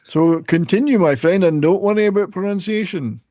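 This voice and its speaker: A man with a high-pitched, mellow voice hosts a casual show, talking a little fast. The recording is dry and studio quality, and he explains things discursively in a chatty way, offering encouragement and light jokes.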